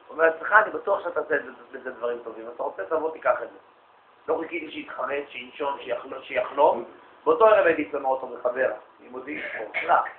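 A man giving a storytelling religious lecture to an audience, lively and anecdotal, acting out the dialogue he quotes. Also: fairly high pitch, a little hiss or hum. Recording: echoey, phone-like lo-fi recording.

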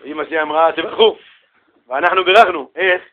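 A man teaching a religious lesson with animated storytelling, asking rhetorical questions and acting out the people in his stories. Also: a little high, highs cut off. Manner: animated storytelling, acts out quoted voices. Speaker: Torah teacher.

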